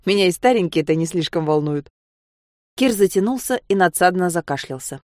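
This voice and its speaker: A woman reading a first-person story as an audiobook, voicing the dialogue with lively shouts. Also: on the low side, brisk, dry recording, clean studio sound. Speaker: narrator.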